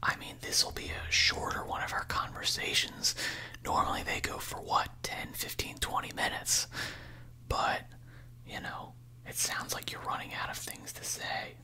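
A man in his thirties chatting casually on the phone in a breathy ASMR whisper, close to a desktop microphone in a small room. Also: normal speed, bright, forceful tone, poor audio. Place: small room indoors at home. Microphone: close desktop condenser microphone.

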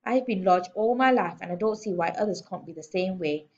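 A woman's voice: medium pitch, a little fast, a little mellow, highs cut off, lightly acted. A woman voicing a bullying giant headmistress in a storybook, barking and snorting her insults with sarcastic scorn. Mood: haughty. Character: giant, bullying, sarcastic middle-aged female school headmistress. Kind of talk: audiobook storybook character voice.

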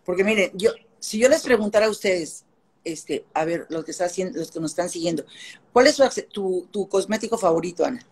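An older woman with a Veracruz accent, a guest on a livestream, telling lively anecdotes in casual chat. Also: lowish voice, a little fast, husky.

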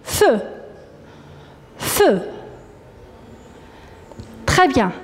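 Woman teacher, high lively voice, slow careful dictation, echoing hall reverb. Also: a little hiss or hum. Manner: slow, deliberate dictation, repeating each word. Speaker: primary school teacher. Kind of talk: classroom dictation lesson.

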